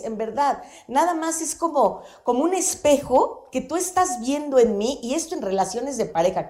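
Lively woman psychologist. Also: on the high side. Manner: animated, laughs often, playful examples. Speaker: psychology guest on radio show. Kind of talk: conversational radio talk. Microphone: studio microphone.

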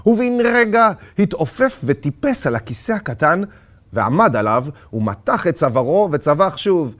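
A man narrating a children's story in an expressive, theatrical way. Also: fairly high pitch. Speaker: story reader.

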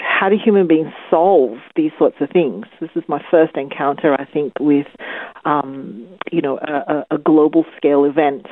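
A woman's voice: sits low, no echo. A woman in her forties from Malaysia, a psychologist talking over the phone about her life in a thoughtful way, with some fillers. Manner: thoughtful, with fillers and small laughs. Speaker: guest, clinical psychologist. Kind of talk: phone interview, personal story. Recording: tinny phone line.

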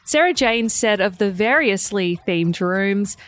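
A woman hosting a gossip news podcast, reading a scripted bulletin briskly with sassy asides. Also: medium pitch, lively intonation, a bit bright.

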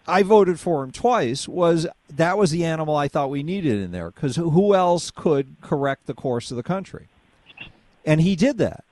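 A male host of a call-in radio debate show steers his caller with pointed, probing questions. His voice is a little high with a darkish tone and no echo.

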